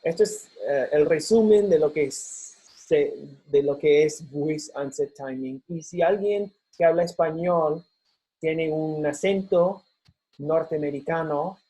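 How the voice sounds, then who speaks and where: A man teaching a university class, explaining points slowly and switching between English and Spanish with frequent fillers. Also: a little high, dark tone, husky, rough recording. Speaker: university instructor. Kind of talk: recorded lecture review.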